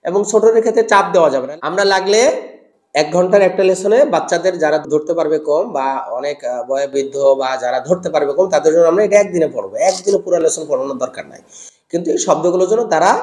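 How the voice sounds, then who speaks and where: A man teaching Quran recitation rules to teachers, explaining patiently and drawing out example words in slow chant. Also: on the high side, darkish tone, reverberant. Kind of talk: tajweed lesson for teachers.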